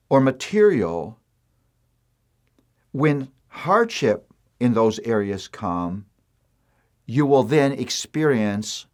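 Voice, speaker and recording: A man giving a devotional sermon, earnest and emphatic, pausing deliberately, repeating key lines and reading scripture in a measured cadence. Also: on the low side. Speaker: pastor.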